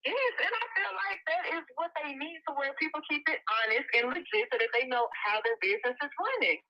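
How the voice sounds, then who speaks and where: High-voiced woman caller on a lo-fi inmate payphone, casual and loyal. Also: expressive, fairly quick. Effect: inmate payphone call. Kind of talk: casual chat. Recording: tinny payphone line.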